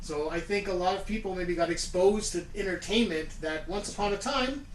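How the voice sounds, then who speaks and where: A man's voice: high-pitched, normal speed, echoey room, distant mic, a little hiss or hum, rough recording. A man co-hosting a homemade awards show, chatting casually with lots of filler uhs. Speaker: co-host. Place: home studio room.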